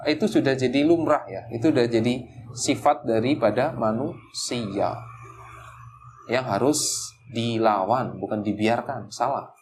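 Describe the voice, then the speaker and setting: Lively teacher. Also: male voice, mid-range voice, slight background noise. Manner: animated, acts out listeners' reactions in quoted asides. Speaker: Islamic teacher. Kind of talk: religious study circle talk. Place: community study gathering in a housing estate.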